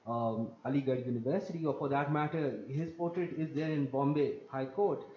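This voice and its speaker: On an online panel, a man from Pakistan lectures in a measured way, repeating phrases for emphasis. His mid-range voice carries a warm tone, though the lo-fi audio sounds muffled.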